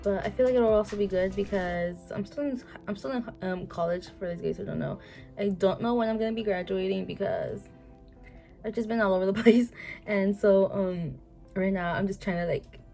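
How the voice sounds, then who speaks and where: A woman's voice: fairly low pitch, creaky, warm tone. A woman in her twenties chatting casually to camera, rambling with many fillers and restarts. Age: 20s. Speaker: vlogger.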